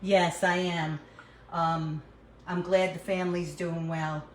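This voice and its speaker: A woman's voice: on the low side, little pitch movement, slow pace, roomy sound, a little hiss or hum, poor audio. An older woman with a New York accent, chatting casually with her viewers while cooking in her kitchen, recorded on a phone. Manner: chatty, answers viewers as she cooks. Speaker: cooking livestream host. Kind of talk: casual live cooking chat. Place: home kitchen.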